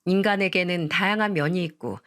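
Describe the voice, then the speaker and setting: A woman narrating a scripted first-person radio story in an even, conversational way. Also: lowish voice, a little fast.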